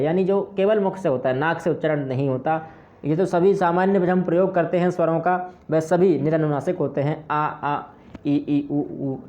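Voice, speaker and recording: A man's voice: on the high side, a little mellow. A man teaching a grammar lesson, explaining step by step in a patient way and drawing out vowel sounds to demonstrate them. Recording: dull, muffled lo-fi recording.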